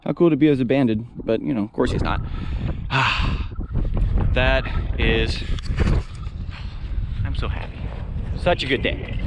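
A man talking excitedly to his action camera outdoors in a field, vlogging his solo hunt. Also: mid-range voice, heavy background noise. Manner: excitable, talkative, quick to gush. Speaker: hunting vlogger. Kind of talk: solo hunting vlog.

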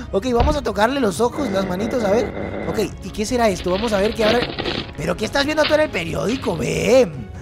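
Excitable high-voiced man gaming host. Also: normal speed, gravelly, loud music behind the voice. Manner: excitable, constant exclamations to viewers. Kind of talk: game playthrough commentary.

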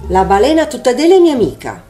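A woman voicing a brave, devoted young boy in a storybook tale, earnest and pleading, with loud music behind. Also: a little high, wildly swooping pitch, quick pace, voice pushed up. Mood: defiant.

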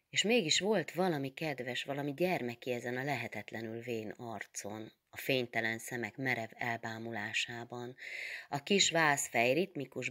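A woman reading a literary novel aloud in a measured, expressive way. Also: a bass voice. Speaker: reader.

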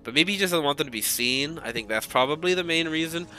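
A man calls a strategy game match in loose, rambling play-by-play, cursing now and then as he restarts his sentences. His voice carries a bright, forceful edge, even though it still sounds groggy from just waking up. Faint music plays underneath. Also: a little high, quick pace. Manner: rambling, casual play-by-play with frequent restarts and swearing. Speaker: esports caster. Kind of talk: live game commentary.

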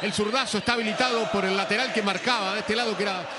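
Guy doing football co-commentary, highish voice, really noisy stadium crowd. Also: fairly even intonation, fast. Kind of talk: match analysis commentary. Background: loud crowd and stadium noise.

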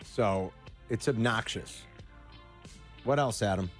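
A middle-aged man, hosting a sports radio show in a studio, talking in an emphatic, animated way. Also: lowish voice, takes it slowly, soft background music. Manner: animated, emphatic, bursts of indignation. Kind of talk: casual sports talk. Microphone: studio mic with headphones.

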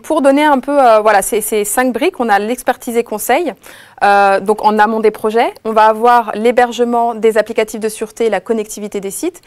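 A woman on a webinar panel, explaining steadily with many fillers and restarts. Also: a little high. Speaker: expert panelist.

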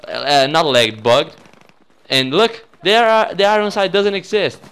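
His voice sits a little high and sounds smooth, and he talks a bit slowly. He's a young Brazilian with a Brazilian accent, a native Portuguese speaker, giving excitable, casual, profanity-laced commentary as a gaming host.

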